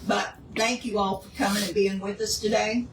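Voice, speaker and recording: A woman's voice: mid-range voice, fairly even intonation, moderate pace. An older woman co-hosting a home cooking show, talking in a folksy, chatty way. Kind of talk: casual chat. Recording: distant roomy noisy kitchen recording.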